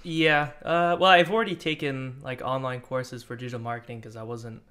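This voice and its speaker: A man's voice: medium pitch, steady tone, fairly quick, fairly bright tone. Young man, informal and conversational, everyday talk. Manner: informal, frequent "like". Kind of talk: casual chat.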